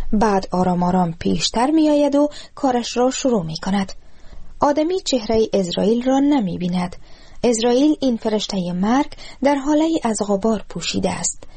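Husky woman reading a story in Dari. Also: medium pitch. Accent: Afghan Dari. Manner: calm, measured reading. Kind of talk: storybook narration.

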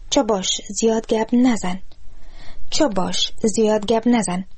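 A woman's voice: a little high, steady tone, darkish tone, breathy edge. A woman with an Afghan Dari accent voicing a rude, bullying young armed militiaman in a story reading. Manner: barking, contemptuous.

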